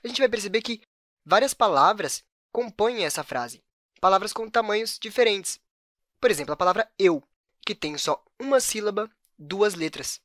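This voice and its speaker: A Brazilian woman teacher presenting a video lesson in a clear, explanatory way. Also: mid-range voice, animated, normal speed, a bit bright, dry recording, studio quality. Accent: Brazilian Portuguese.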